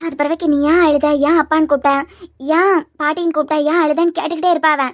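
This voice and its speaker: A fairly high-voiced cartoon young woman with a Kanyakumari Tamil accent coaxes and explains in an earnest way. She is protective and secretive, as a woman voices her. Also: fairly even intonation, quick pace, a little hiss or hum, close to an everyday voice. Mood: coaxing. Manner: coaxing, earnest.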